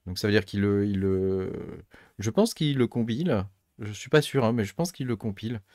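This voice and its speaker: Tech channel host, middle-aged man, low voice, dry close recording, rambling think-aloud delivery full of fillers. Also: lively intonation, normal speed, a little mellow, dry recording. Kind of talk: casual screen-recorded tutorial.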